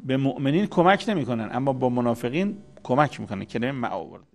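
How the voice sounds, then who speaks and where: A man's voice: medium pitch, animated, faint music behind. A man giving a religious lecture on scripture, explaining terms patiently and repeating key words for emphasis. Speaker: Quran commentator.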